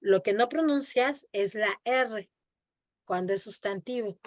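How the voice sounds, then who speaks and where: A woman's voice: mid-range voice, measured pace, dry recording, clean studio sound. A woman teaching French in an online class, explaining patiently and modeling words for her student to repeat. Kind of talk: online language lesson, explaining in Spanish and French.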